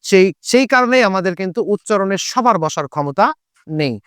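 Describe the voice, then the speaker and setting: A male Bengali teacher with a Bangladeshi accent, giving a slow, deliberate exam-prep lesson that stresses each example word. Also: high voice, lively intonation, fairly bright tone, clear, resonant tone, dry recording, clean studio sound.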